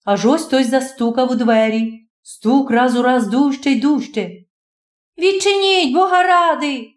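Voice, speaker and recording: A woman narrating a classic story as an audiobook, expressive and dramatic. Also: a little high, normal speed. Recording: roomy echo.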